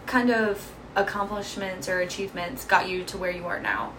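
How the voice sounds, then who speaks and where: A woman's voice: fairly low pitch, big pitch swings, moderate pace, gravelly, a bit bright, slight background noise. A woman hosting an interview, upbeat and encouraging, often answering with yeah. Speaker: interview host. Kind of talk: hosted interview.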